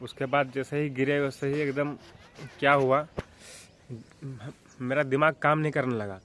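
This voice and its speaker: A young man from Jharkhand, India, tells a childhood story to his vlog viewers in a relaxed, rambling way. His voice sits in an ordinary middle pitch, and he keeps checking in with the listener and clearing his throat as he talks. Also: a little slow, slight background noise. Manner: rambling, with frequent filler checks like "theek hai" and "hai na". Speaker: vlogger.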